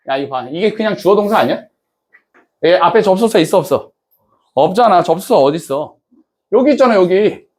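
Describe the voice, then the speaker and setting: A man with a fairly high voice lectures a class in a relaxed, chatty way. He keeps firing questions at the students and checking that they follow. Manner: casual banter-style speech to students. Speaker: English teacher.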